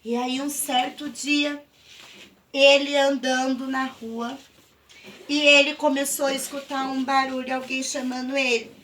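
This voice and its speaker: A woman telling a Bible story to children in an animated, drawn-out way. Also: high-pitched, far from the mic, slight background noise.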